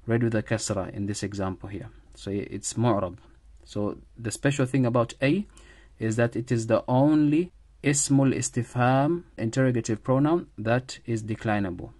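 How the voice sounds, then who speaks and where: A man gives an online Arabic grammar lesson in a voice of ordinary pitch. He speaks slowly and repeats each Arabic phrase before translating it. The recording is dry and close, with no room sound. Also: a little mellow, no echo. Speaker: Arabic teacher.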